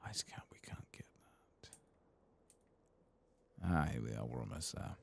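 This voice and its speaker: An ASMR gaming channel host softly comments on his gameplay in half-whispered, mumbling asides, close to the microphone. His very deep voice is gravelly and husky, lower than usual after singing, yet his intonation stays lively and his pace unhurried.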